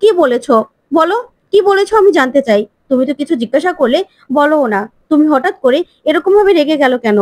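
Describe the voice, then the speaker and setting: A woman voicing a gentle, hesitant young wife who is hurt. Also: high voice, expressive, fairly quick, dry recording, clean studio sound.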